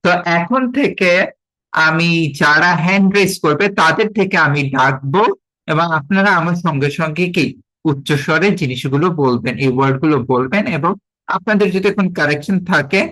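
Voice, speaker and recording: A man with a Bengali accent teaching a spoken English class over a video call, slowly repeating each word several times for learners. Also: a little high, bright, forceful tone, rough recording.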